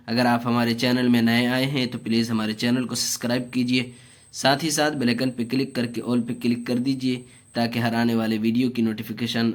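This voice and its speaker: A man teaching an online beginners' reading lesson, speaking slowly and repeating each syllable so learners can follow, often addressing the viewers directly. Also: medium pitch.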